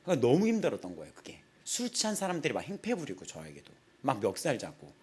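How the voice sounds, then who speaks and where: A young man in his twenties preaching a casual sermon in a small church, telling personal stories with lively acted-out quotes and frequent laughter. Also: medium pitch, quick pace, husky. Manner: animated storytelling, acts out quotes, laughs often. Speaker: pastor.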